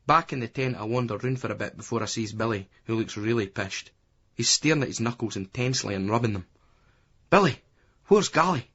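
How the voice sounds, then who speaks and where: A man's voice: fairly low pitch, fairly even intonation, fast talker, a bit bright. A Scottish man narrating a novel in the first person, in a blunt, crude, conversational way. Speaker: audiobook narrator. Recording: dull lo-fi remastered recording.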